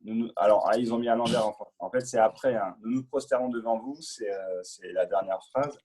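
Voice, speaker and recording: A man explains a Buddhist prayer as interpreter and teacher. His voice is husky, and he talks in a patient, halting way, pausing on fillers and repeating words as he searches for the phrasing. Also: fairly low pitch, a little mellow.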